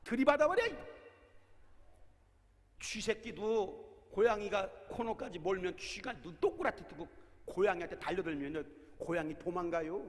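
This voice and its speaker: A man in his sixties, a pastor preaching a sermon, telling stories and breaking into shouted exhortations, in a large prayer hall. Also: sits high. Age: 60s. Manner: animated storytelling with shouted exhortations. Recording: long reverb of a large hall.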